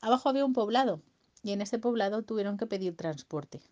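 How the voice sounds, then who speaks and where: A woman's voice: mid-range voice, lively intonation, fast, a little mellow, lo-fi sound. A woman making up a bedtime story for a child, playful, with sung bits and sound effects. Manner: playful, sings silly songs and sound effects.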